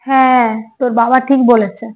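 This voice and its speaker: A woman's voice: sits high, fairly even intonation, normal speed, a little mellow, lightly acted. A woman playing a concerned middle-aged mother who visits her daughter in a comic home drama. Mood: fond.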